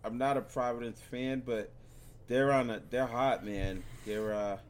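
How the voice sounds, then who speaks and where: A man's voice: medium pitch, steady tone, unhurried. Rambling man drifting off mic. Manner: loose, rambling, trips over words. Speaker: podcast co-host. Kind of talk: casual sports picks chat.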